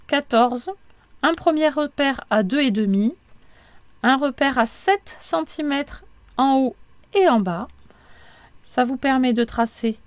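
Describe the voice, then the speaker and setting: A woman's voice: high-pitched, dry recording. A woman giving an informal, step-by-step craft tutorial, chatty and a little apologetic, often repeating and checking herself.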